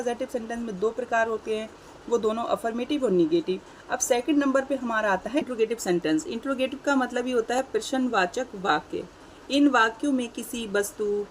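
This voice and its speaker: Woman teaching grammar, slightly high voice. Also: slight background noise, low-quality recording. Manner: reads English examples slowly, then explains. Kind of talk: explaining English grammar in Hindi.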